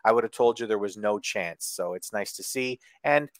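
A man's voice: fairly low pitch, expressive, moderate pace, no echo. A man co-hosting a podcast over an online call, recapping wrestling with sarcasm, swearing and lots of ums. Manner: sarcastic and profane, frequent ums and restarts. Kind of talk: casual chat.

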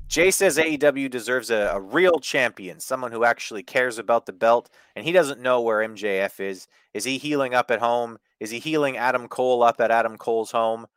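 A man's voice: mid-range voice, fairly quick, few pauses, fairly bright tone, smooth, no echo, clean studio sound. A man hosting a casual wrestling review podcast, blunt and opinionated, swearing freely. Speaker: podcast host.

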